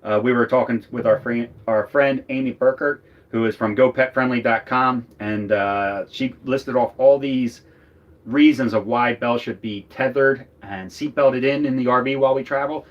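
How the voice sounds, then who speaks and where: A man's voice: medium pitch, steady tone, moderate pace. A man with a Philadelphia accent talks in a loose, rambling way, tossing in jokes as he chats on a livestream. He sits inside an RV, and the audio comes through a little muffled. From Northeast Philadelphia. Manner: rambling, chatty, joking. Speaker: RV vlogger, co-host. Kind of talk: casual live chat.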